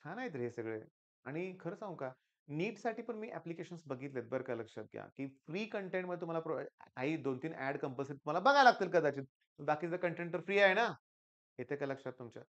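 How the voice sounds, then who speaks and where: A man's voice: on the high side, animated, fast talker, muffled recording. Emphatic Marathi-speaking male tutor. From Maharashtra, India. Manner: emphatic, often repeats "lakshat ghya"; swings from loud stresses to quiet asides. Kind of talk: motivational coaching talk to exam students.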